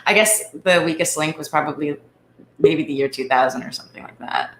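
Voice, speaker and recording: A woman's voice: deep voice, a little fast, a bit bright, reverberant, slight background noise. A woman hosting a casual chat over a call, playful and joking. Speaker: podcast host.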